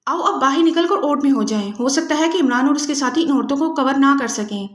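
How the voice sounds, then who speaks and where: A decisive female agent who barks orders in a harsh, clipped way, as a woman narrator voices her. Her voice is high and urgent. The sound has a roomy echo. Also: animated. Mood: curt command. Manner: brisk, barking orders over a radio.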